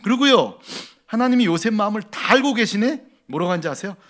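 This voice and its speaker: A male pastor delivers a sermon with lively, animated pitch. His voice sits a bit higher than most men's. He swings from loud, pressing appeals down to hushed whispers. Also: fast talker.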